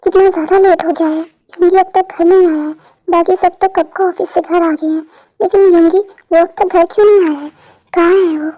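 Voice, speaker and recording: A woman's voice: very high-pitched, steady tone, brisk, dark tone, muffled recording. A woman voicing an anxious young wife in a fan dub, stammering with worry. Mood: worried. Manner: stammering, worried repetitions.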